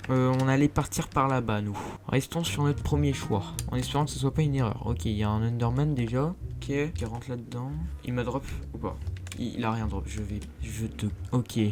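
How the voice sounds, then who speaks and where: A man's voice: mid-range voice, moderate pace, noisy background. A young man, chatting casually to viewers while playing a survival game, self-mocking and talkative. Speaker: gaming youtuber. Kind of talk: casual let's play commentary.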